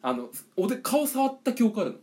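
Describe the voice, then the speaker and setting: A young man co-hosting a casual podcast chat, telling an animated story and acting out the quotes. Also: sits high, fairly quick. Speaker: podcast co-host.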